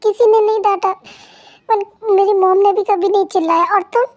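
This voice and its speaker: A pouty young wife who sulks and whines through her tears, as a woman puts her on for a fan dub. The voice sits very high and sounds dry and close, with no room around it. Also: measured pace, no echo, lo-fi sound. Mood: tearful. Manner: whiny, sulky and tearful.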